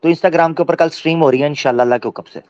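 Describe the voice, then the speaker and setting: A man's voice: on the high side, very fast, darkish tone, no echo, lo-fi sound. A man hosting a religious call-in stream, polite and brief, with a lot of short replies to his callers.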